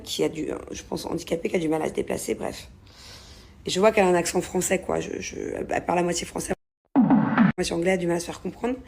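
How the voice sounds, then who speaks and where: A woman's voice: mid-range voice, a little mellow, husky. A woman telling a rambling, casual story in a vlog from a hotel room, with lots of fillers. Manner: chatty, rambling with many fillers. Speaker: vlogger.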